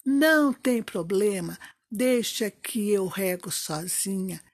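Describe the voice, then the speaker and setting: A woman voicing a gentle, patient hen who asks mildly for help and ends up working alone, in a children's storytelling. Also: medium pitch, lively intonation, takes it slowly, dry recording. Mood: resigned.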